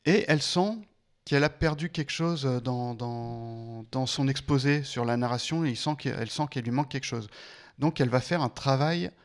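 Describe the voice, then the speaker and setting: A man talking through his reading of a film's story, halting often with fillers and restarts. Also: mid-range voice. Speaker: film discussion guest. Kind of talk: casual spoken film analysis.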